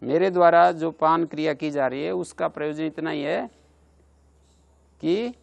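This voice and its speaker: A man's voice: on the high side, gravelly. A man teaching a grammar class, explaining step by step and stopping to check with his listeners by asking them questions. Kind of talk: classroom lecture.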